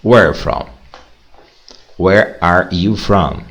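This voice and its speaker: A man with a Brazilian Portuguese accent teaching an online English lesson, drilling phrases slowly and then explaining casually. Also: low voice, a bit bright.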